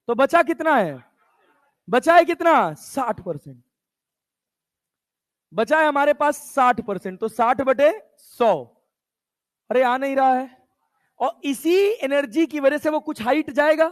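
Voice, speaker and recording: A male physics teacher lecturing a class, coaxing and teasing his students and scolding them casually. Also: very high voice.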